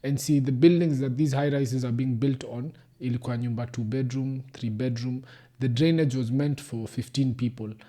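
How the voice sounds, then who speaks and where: As a guest on a podcast, a young Kenyan doctor talks casually in Kenyan-accented English, taking his time explaining and sometimes switching into Swahili phrases. He has a warm, medium-pitched voice with a steady tone and a normal pace.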